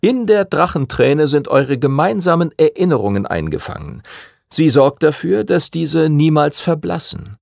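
A man's voice: fairly high pitch, vocal fry, no echo, clean studio sound, pitched above the performer's own voice. A man playing patient old master Nicholas. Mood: calm lecturing. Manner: calm, measured, lecturing. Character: patient older male dragon-rider master teacher.

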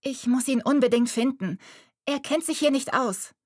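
A woman's voice: normal speed, a little mellow, husky, no echo, studio quality. A woman voicing a haughty young girl from a rich city family, bossy and imperious in an audiobook. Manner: bossy, imperious, shrill when calling. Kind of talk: audiobook character voice.

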